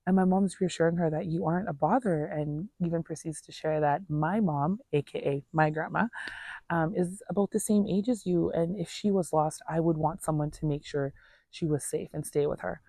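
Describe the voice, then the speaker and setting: In a dry recording, a woman with a low, gravelly, mellow voice tells a personal story at a moderate pace. The storyteller vlogger sounds casual, earnest and conversational, acting out reported dialogue as she goes.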